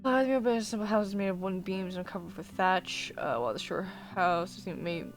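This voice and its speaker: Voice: mid-range voice, a little fast, faint music behind. Streamer stumbling through game text. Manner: stumbling reads with self-corrections. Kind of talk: reading a text game aloud.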